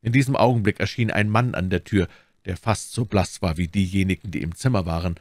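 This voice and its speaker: Male audiobook narrator, measured, expressive, low voice, dry close sound. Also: no room sound. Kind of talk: dramatic audiobook reading.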